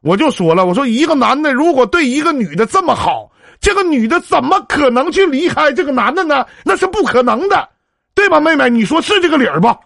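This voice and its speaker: A man's voice: very high-pitched, big pitch swings, brisk, vocal fry, fairly bright tone, no echo, studio quality. A man with a Northeastern Mandarin accent hosting a live-stream relationship advice show, chatting on the phone in a brash, joking, big-brotherly way. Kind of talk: casual phone counseling chat on a live stream.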